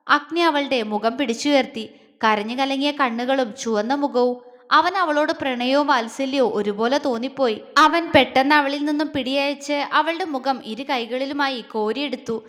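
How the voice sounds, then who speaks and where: A woman storyteller reading a romance story in a measured, emotive way. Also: high-pitched, a bit bright. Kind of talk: scripted narration. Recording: long reverb.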